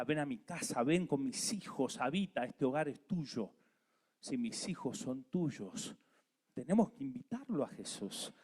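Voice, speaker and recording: Pastor guy preaching, pitch jumps all over, gets loud then drops low. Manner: animated preaching, calls the congregation to repeat after him. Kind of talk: sermon.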